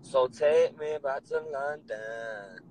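A young man talks into a phone held at arm's length inside a car, with a faint hum of road noise behind him. His voice sits at an ordinary middle pitch, and he chats loosely in slang-heavy banter. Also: slow pace, darkish tone, poor audio. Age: young adult. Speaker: live-stream host. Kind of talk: casual live-stream chat.

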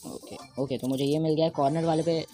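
A man giving live gameplay commentary from home, excitable and quick to repeat words over and over when he panics. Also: on the high side. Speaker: mobile game player. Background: game music.

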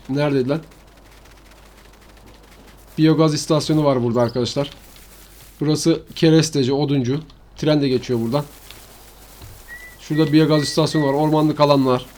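Fast-talking man narrating gameplay. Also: on the high side, darkish tone. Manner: rambling, slangy, talks to viewers as "arkadaşlar". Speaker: gaming channel host. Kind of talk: casual gameplay commentary.

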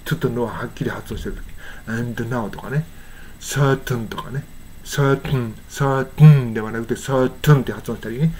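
Older man from Japan, pronunciation teacher, patient and repetitive, mid-pitched voice, faint background hiss. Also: dark tone. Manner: patient, repeats words slowly to demonstrate sounds. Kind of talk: casual explanatory lesson.

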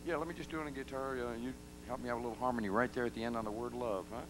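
Talking very fast with fairly even intonation and a medium pitch, this singer-songwriter banters with his audience at a concert venue over a noisy background. He's folksy and teasing, addressing the crowd and the kids with jokes.

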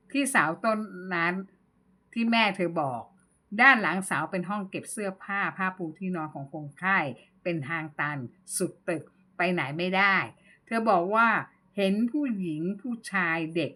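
A woman narrating a ghost story as host, in a measured, unhurried reading. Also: lowish voice, bright, forceful tone.

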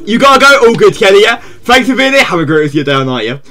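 A man's voice: high voice, big pitch swings, very fast, sharp tone, faint music behind. A man streaming a game live in casual chat, jumpy and repeating himself, yelping when startled.

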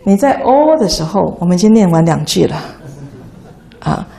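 A woman's voice: fairly low pitch, lively intonation, normal speed, gravelly, mellow. A woman, a Buddhist nun, giving a patient, instructive dharma talk on how to chant.

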